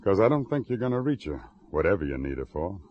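A weary old man sitting on a city stoop, blunt and terse. His voice sits extremely deep yet swings lively up and down in gruff drawls. It comes through a dull old radio recording with faint hiss. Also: fast. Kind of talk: 1950s radio drama acting.

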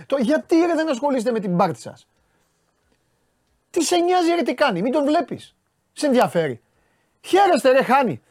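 Speaking in a very high-pitched, sing-song way with long pauses and a darkish tone, a Greek-accented sports talk show host scolds his viewers with exasperated rhetorical questions. The recording is dry, with clean studio sound.

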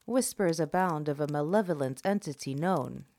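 A woman's voice: low-pitched, normal speed, a little mellow. A woman narrating scripted eerie folklore as a horror host, with a theatrical, ominous delivery.

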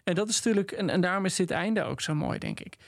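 A man's voice: high voice, animated, quick pace, gravelly, dry recording, studio quality. A man with a Dutch accent, co-hosting a podcast and thinking aloud in a casual book discussion. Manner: thoughtful, hesitant with fillers and restarts. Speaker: podcast co-host.

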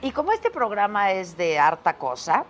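A woman's voice: mid-range voice, very animated, normal speed. A woman with a Mexican accent hosting a live talk show and teasing her guests.

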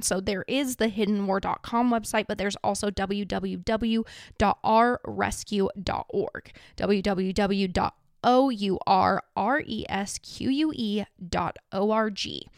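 Creaky-voiced woman podcaster with soft R's. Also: medium pitch, lively intonation, unhurried, no room sound, studio quality. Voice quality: trouble pronouncing R's, says them like W's. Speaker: podcast host. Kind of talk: casual podcast talk.

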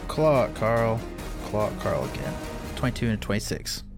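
A man's voice: fairly low pitch, very animated, moderate pace. Man playing a tabletop game over music. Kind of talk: casual game narration.

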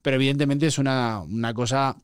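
A man's voice: medium pitch, fast, smooth, no echo, clean studio sound. A man, a podcast guest chatting casually and acting out the voices in his stories. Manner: animated storyteller, acts out quoted voices.

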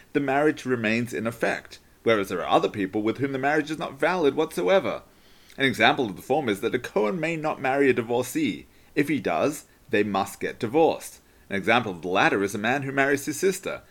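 A man who is a rabbi, teaching a daily Talmud lesson in an explaining, storytelling manner. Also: mid-range voice.

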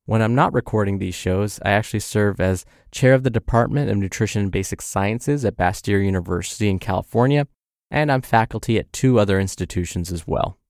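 A man's voice: lowish voice, fairly quick, a little mellow, no room sound, clean studio sound. A man hosting a health advice show in an upbeat, tidy, instructive manner, speaking directly to the listener in a scripted style. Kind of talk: scripted advice podcast narration.

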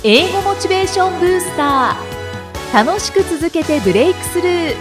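Jingle announcer, very high and drawn out, put on by a man, loud music behind. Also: lively intonation, moderate pace. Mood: upbeat.

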